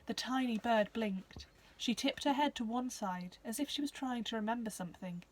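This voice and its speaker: A woman's voice: a little high, moderate pace, rough recording. Woman reading a children's story aloud. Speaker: reader of a children's novel. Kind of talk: storybook narration.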